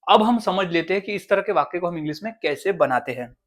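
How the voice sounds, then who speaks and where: A woman teaching spoken English in a lesson, explaining step by step and repeating each phrase slowly, with Hindi as her first language. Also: on the low side, lively intonation.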